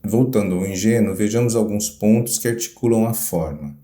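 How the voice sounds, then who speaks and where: A man narrating a scripted music theory lecture in a measured, deliberate academic way. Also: lowish voice, warm tone. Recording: roomy echo. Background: guitar music.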